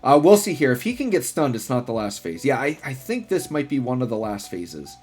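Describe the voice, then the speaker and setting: A man giving casual, slangy gameplay commentary in an excited, rambling way. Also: mid-range voice, a little fast. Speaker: gaming video host. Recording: music behind the voice. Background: music.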